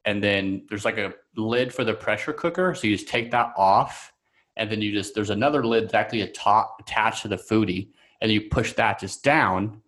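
A man's voice: fairly low pitch, moderate pace, a bit bright. Chatty man rambling through fillers. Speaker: coaching client guest. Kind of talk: casual podcast conversation.

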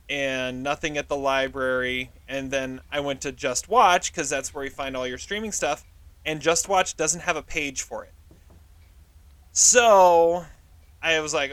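Bright clear-voiced man reviewing films. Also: on the high side. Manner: relaxed storytelling, explains step by step. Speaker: podcast co-host. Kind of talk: casual movie review chat.

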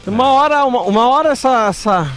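A man co-hosting a radio show, tossing in joking asides and quick interjections. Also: very high voice, expressive, music in the background. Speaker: radio co-host.

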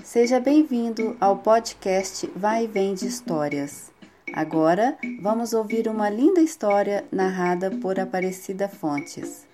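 A woman's voice: mid-range voice, unhurried. A Brazilian woman hosting a podcast, reading a scripted introduction. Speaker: podcast host. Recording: music bed under the voice. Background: music.

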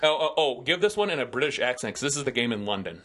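A man's voice: mid-range voice, big pitch swings, quick pace, a bit bright. A man with a Midwestern American accent, co-hosting a sports podcast and confidently giving his football picks in casual banter. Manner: confident, chatty betting analysis. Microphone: studio podcast microphone.

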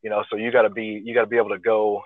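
Arm wrestler guy on a phone call, lowish voice, tinny dry line, lots of ums. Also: racing, dry recording. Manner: relaxed, many fillers, explains plainly. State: slightly out of breath. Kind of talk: casual interview over phone.

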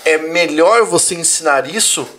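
A man who teaches Portuguese, a father, hosting a casual live chat, reading viewer comments and explaining language use in a measured way. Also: fairly high pitch, expressive, pushed and bright. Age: adult, father of a young child.

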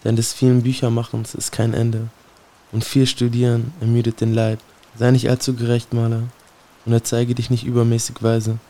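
This is a man's spoken-word poetry, directed at a listener and delivered with a solemn, brooding feel. The voice is deep, gravelly, dark, and mellow, and his pitch hardly moves, staying nearly flat throughout.

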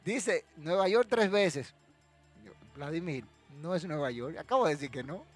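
Lively high-voiced man hosting a quiz. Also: moderate pace, soft background music. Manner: animated, teasing, answers chat directly. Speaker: livestream host running a wrestling trivia quiz. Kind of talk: casual live chat reading viewer comments.

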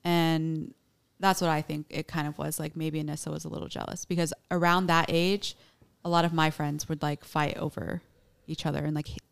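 A woman's voice: low voice, level tone, moderate pace, gravelly, hardly any pauses, clear, resonant tone. A woman hosting a podcast, chatting casually through a true crime story with lots of "like" and "um". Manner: chatty, many "like"s and "um"s, laughs easily. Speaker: podcast host. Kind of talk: casual chat, retelling a true crime case.

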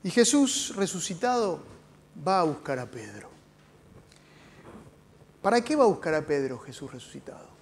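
A man's voice: fairly high pitch, big pitch swings, moderate pace, long pauses. A man with an Argentine accent, a pastor preaching a sermon as dramatic storytelling with rhetorical questions. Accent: Argentine Spanish.

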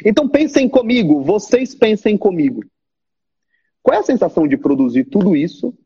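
A Brazilian man who runs an online course, talking to his subscribers on a live stream in a lively, direct way. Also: sits high, moderate pace, slightly rough, highs cut off. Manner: animated, talks straight at viewers, mimics complaining students.

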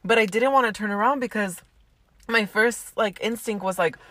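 A woman's voice: medium pitch, normal speed, fairly bright tone, no echo. A young woman co-hosting a podcast, telling stories casually with fillers and laughter. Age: young adult. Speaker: podcast co-host. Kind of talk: casual chat.

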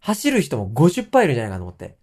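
A man's voice: medium pitch, huge pitch swings, very fast, darkish tone. A man hosting a casual morning talk show, asking playful teasing questions. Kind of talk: casual chat.

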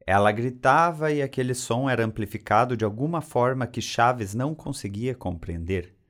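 A man reading a story aloud in a steady, even way. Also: medium pitch, moderate pace. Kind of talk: reading fan fiction aloud.

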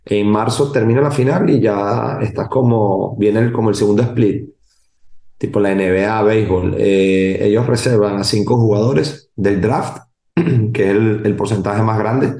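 Deep-voiced man telling stories. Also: a little slow, reverberant. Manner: animated storyteller, voices others in quotes. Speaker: footballer guest. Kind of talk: casual podcast interview.

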